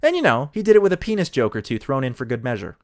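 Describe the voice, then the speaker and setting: Guy reading his video essay script, bouncy intonation, dry little jokes, soft music behind. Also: mid-range voice, wildly swooping pitch, very fast. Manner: dry jokey asides in an analytical tone. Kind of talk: scripted narration.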